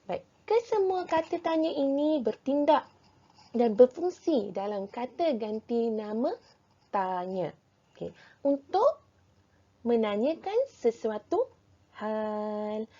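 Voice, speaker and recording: A woman primary school teacher with a Malaysian Malay accent, giving a recorded grammar lesson in a slow, clear, drilling way with rising questions. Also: fairly high pitch, animated, mellow. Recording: dull lo-fi recording.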